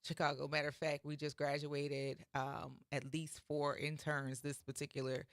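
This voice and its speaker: Low-voiced woman radio host. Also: flat delivery, moderate pace, dry recording, studio quality. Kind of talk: casual radio interview.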